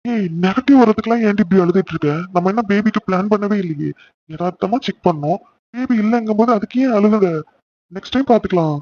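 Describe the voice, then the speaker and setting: A man's voice: sits high, fast talker, a little mellow, lo-fi sound, lightly acted. A man voicing a young cartoon husband, eager and affectionate, teasing his wife playfully. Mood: coaxing. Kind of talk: cartoon voice acting.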